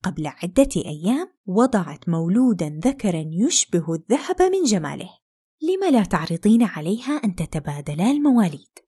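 A woman's voice: mid-range voice, very animated, a little fast, mellow, breathy edge. A woman voicing a scheming palace maidservant who coaxes her queen in a fairy tale. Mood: scheming, coaxing. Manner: coaxing, urgent.

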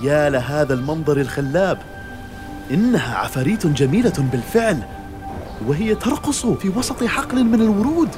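A man's voice: a little high, very animated, a little fast, over music. A man playing a cunning, spirited sailor hero in a children's audio story, with a theatrical, declamatory delivery. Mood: feigned wonder.

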